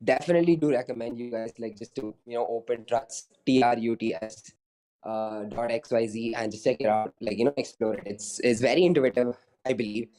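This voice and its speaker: Mellow-voiced man rambling about his startup. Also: mid-range voice, fairly quick, rough recording. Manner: rambling, many fillers and restarts. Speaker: startup founder. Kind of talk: casual interview answers over a video call. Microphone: video call.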